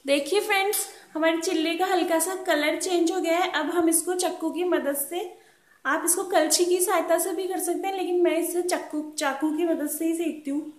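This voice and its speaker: A woman hosting her cooking channel, calmly and patiently walking through a recipe step by step at a gas stove in a home kitchen and repeating her tips. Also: very high-pitched, moderate pace. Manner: calm, patient instructional talk, repeats tips. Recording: roomy kitchen echo with pan sounds.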